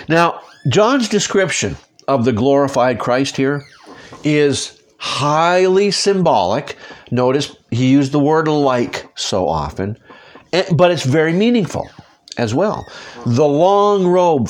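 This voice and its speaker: A man leading a Bible study from his podcasting microphone. His pitch sits in an ordinary middle range, and he talks directly to his listeners, checking in with them as he reads and explains. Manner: conversational, direct, asks listeners to follow along.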